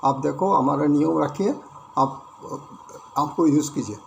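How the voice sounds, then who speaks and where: A man with an Indian accent teaching an English grammar lesson, explaining slowly, repeating words and mixing English terms into Hindi. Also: a little high, vocal fry, slight background noise.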